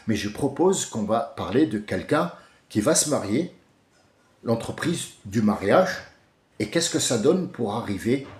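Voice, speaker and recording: A man giving an informal religious commentary, passionate and digressive, swinging from soft musing to loud ranting. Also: on the low side, roomy sound. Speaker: religious speaker.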